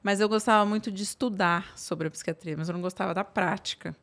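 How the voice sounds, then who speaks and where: A woman's voice: mid-range voice, steady tone, fast, fairly bright tone. Brief: woman, 30s, psychiatrist guest, chatty storytelling, lots of fillers. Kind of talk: casual interview talk.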